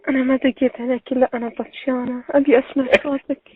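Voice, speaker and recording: Flirty woman caller, coaxing, very fast delivery, tinny phone sound. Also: high-pitched, level tone, a little hiss or hum. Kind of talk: casual phone chat.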